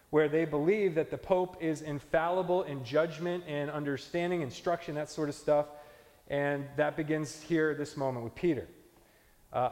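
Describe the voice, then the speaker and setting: A pastor preaching a conversational teaching sermon, explaining scripture verse by verse. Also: male voice, on the high side, a little mellow, in a large hall. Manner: conversational teaching with fillers and restarts.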